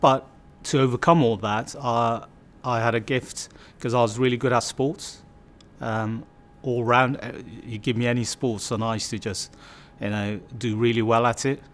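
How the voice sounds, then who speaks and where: At a moderate pace and with fairly even intonation, a man in his fifties from Bangladesh recounts his life for an interview, his voice sitting in the mid range. As a community storyteller he muses reflectively, restarting often and using many fillers, with slight noise in the background.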